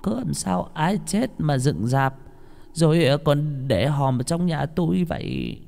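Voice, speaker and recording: A man's voice: a little high, sing-song, measured pace, gravelly, a little mellow, pitched above the performer's own voice, heavily acted. A man voicing a frantic old village grandmother, shrieking and wailing. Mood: bewildered.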